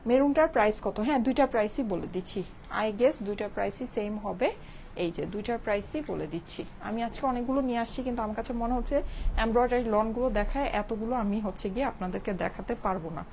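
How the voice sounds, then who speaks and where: Bangladeshi woman doing a live clothes sale, kinda hoarse, higher voice, faint room noise behind. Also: fast, darkish tone. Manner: chatty, keeps checking in with viewers. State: slightly hoarse from a cold. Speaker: clothing shop seller on a live stream. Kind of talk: live selling chat to viewers. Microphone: phone with clip-on mic.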